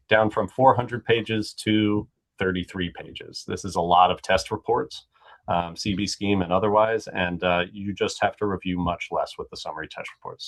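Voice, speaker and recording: A man's voice: low-pitched, low-quality recording. A man presenting a regulatory training session over a video call, speaking informally with frequent fillers and restarts; his call audio sometimes sounds robotic. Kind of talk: online presentation.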